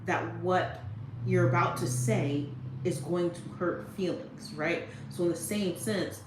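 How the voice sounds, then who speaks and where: Woman, low voice, casual commentary, chatty and direct, roomy echo, faint hiss. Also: unhurried. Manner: conversational, checks in with the listener often. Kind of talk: casual commentary reading quotes aloud.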